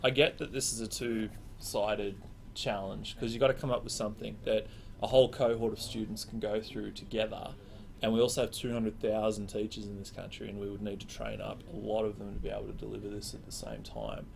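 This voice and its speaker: A man's voice: fairly low pitch, a little fast, creaky, darkish tone, a little hiss or hum. A man hosting a casual live stream chat, rambling and joking. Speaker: host.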